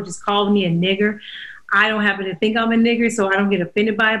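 A woman's voice: mid-range voice, low-quality recording. A woman co-hosting a podcast, talking bluntly and profanely in a casual, opinionated rant. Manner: blunt, profane, animated ranting. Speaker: podcast co-host.

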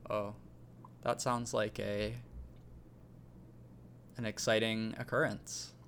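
A man hosting a casual podcast and explaining things in a relaxed way, with frequent ums. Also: fairly low pitch, slow, slight background noise. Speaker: podcast host. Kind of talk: casual chat.

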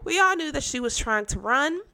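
High, sharp, and creaky, this young woman's voice moves briskly and expressively, though congestion from a cold makes her sound nasal. She hosts a laid-back political podcast and delivers her takes with blunt, emphatic sass.

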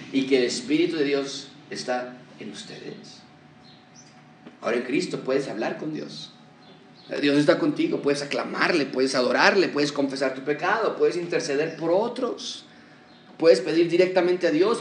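A man's voice: on the high side, slight background noise. A man, preaching a sermon as a pastor, posing rhetorical questions and rising to fervent emphasis. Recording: echoey room, voice from a distance.

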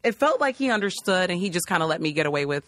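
A woman in her thirties from Wisconsin, chatting casually and telling a candid, animated story. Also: lowish voice, rapid-fire, no echo. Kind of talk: casual chat.

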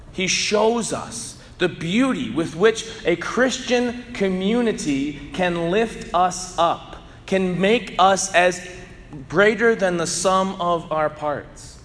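A priest reads the gospel slowly and measuredly, then shifts into earnest, emphatic preaching. His voice sits high and a bit bright, ringing with cathedral echo in a large church. The recording is echoey, with long church reverb.

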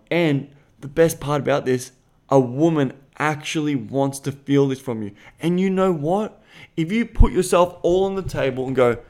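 An Australian man hosting a casual podcast chat, emphatic and swearing freely, swinging from quiet reflection to loud bursts. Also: medium pitch. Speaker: podcast host, dating coach.

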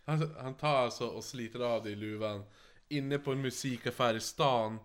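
A man co-hosting a podcast, mostly responding and prompting stories. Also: medium pitch. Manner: encouraging listener, quick interjections. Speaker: podcast co-host. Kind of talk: casual chat.

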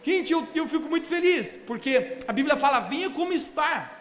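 A male pastor, preaching a lively sermon and joking with the congregation in a church hall. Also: very high-pitched, normal speed. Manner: animated, joking storytelling with the congregation. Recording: echoey hall, live church sound.

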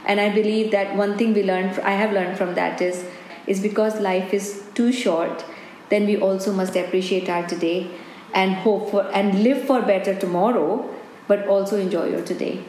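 Her medium-pitched, darkish voice stays steady at normal speed, with slight background noise in a roomy recording that carries faint ambience. She's a woman in her forties from India with an Indian accent, a business owner giving earnest, reflective interview answers peppered with "you know."

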